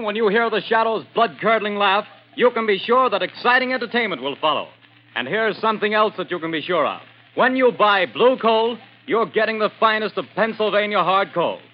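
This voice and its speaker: An American man announcing in a chipper, emphatic, formal salesman style, like an old-time radio advertisement. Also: sits high. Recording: muffled vintage radio recording over music.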